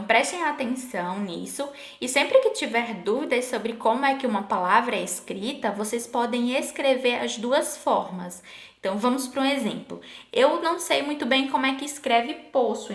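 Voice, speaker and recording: A rather high-voiced woman teacher speaks patiently to her class, asking questions and stretching out example words one by one. The sound is roomy and echoing. It fits a recorded online lesson. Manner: patient, asks the class questions, slows to spell out sample words. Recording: echoey room.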